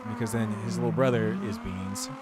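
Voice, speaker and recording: This man has a medium-pitched, very animated voice and talks fairly quickly. He rambles and jokes to his stream, half talking to himself as he tunes and drives in a racing game. Noisy game audio, mostly engine sounds, runs behind his voice.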